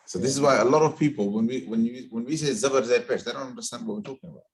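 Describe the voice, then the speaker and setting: A man whose first language is Bengali teaching Quran recitation in a live class. He corrects students patiently and models words slowly. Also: medium pitch, a little mellow.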